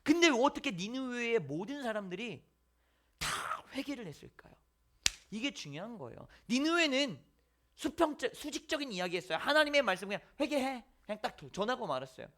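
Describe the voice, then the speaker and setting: Lively preacher, pitch swinging wide. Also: a little fast. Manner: animated, acts out little dialogues, drops to near whispers. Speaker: pastor. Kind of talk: Sunday sermon. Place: church sanctuary.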